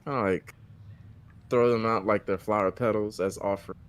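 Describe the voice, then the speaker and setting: Low-pitched man, slangy game player. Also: fairly even intonation, normal speed, clean tone. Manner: slangy, informal. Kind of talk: casual chat during play.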